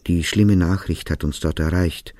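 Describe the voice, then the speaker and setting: A man voicing a grave, hesitant middle-aged father who speaks quietly and formally in a storybook reading. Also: sits low, steady tone, normal speed, no room sound, close to an everyday voice. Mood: subdued.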